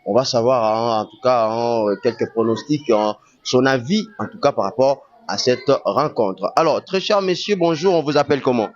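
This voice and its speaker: A man's voice: medium pitch, expressive, normal speed, hardly any pauses, highs cut off. A man from the Democratic Republic of the Congo doing a street interview as host, with many hesitant fillers and eager prompting. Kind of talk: street vox-pop interview.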